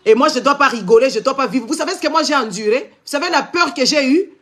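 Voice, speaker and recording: On a live stream, a man from the Democratic Republic of the Congo rants angrily in Congolese-accented French, scolding and switching into Lingala mid-sentence. His very high, fairly bright voice is animated and fast. He is confrontational throughout, with repeated scolding exclamations.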